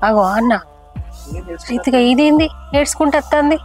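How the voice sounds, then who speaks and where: A woman's voice: high voice, normal speed, darkish tone, soft background music, lightly acted. An actress playing a middle-aged mother who refuses her daughter firmly, speaking. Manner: firm, insistent. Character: stubborn middle-aged mother, firm, protective.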